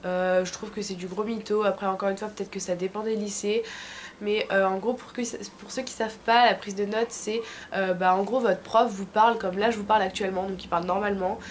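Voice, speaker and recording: Fairly quick, with fairly even intonation, this woman's mid-range voice is thick and sore from tonsillitis. She is a French vlogger in her late teens suffering a throat infection, giving informal, slangy advice in a casual vlog over slight background noise.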